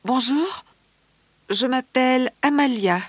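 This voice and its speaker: A cheerful bilingual schoolgirl for a language course. Her voice sits slightly high and moves at a slow, deliberate pace. The recording is close and dry. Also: slightly rough, no echo, heavily acted. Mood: upbeat. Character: cheerful teenage girl of Spanish parents, living in France.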